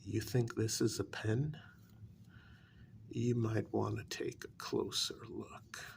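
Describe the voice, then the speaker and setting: A man in full character voice, pitched on the low side with little pitch movement, plays a bitter, brooding kidnapper confronting a captive demon in a soft-spoken ASMR piece. The mood is bitter and threatening; his gravelly, breathy voice drifts into whispers, slow, deliberate and quietly menacing, with long pauses.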